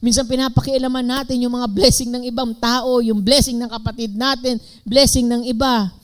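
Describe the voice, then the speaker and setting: A woman's voice: on the high side, little pitch movement, normal speed. A woman with a Filipino accent preaching a sermon, moving between English and Tagalog, reading scripture aloud and asking the congregation for an amen.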